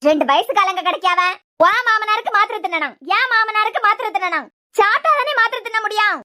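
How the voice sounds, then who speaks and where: A performer voicing a quarrelsome cartoon housewife with a Kanyakumari Tamil accent, scolding in sharp retorts. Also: quick pace, exaggerated voice. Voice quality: very high, squeaky cartoon voice. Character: quarrelsome housewife of a joint family. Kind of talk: cartoon web series dialogue.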